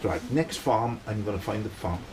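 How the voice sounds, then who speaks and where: Over background noise, a Welsh man in middle age with a lowish voice tells a long story from his own life at a moderate pace. He's in a band, and his telling is loose and rambling, punctuated by frequent "right?" checks with whoever's listening.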